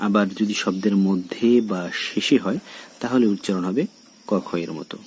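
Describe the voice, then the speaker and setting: A man from Bangladesh, a college lecturer, giving a recorded lesson and speaking straight to his students, slowly explaining and repeating example words. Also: on the low side, a little mellow, a little hiss or hum. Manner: addresses students directly.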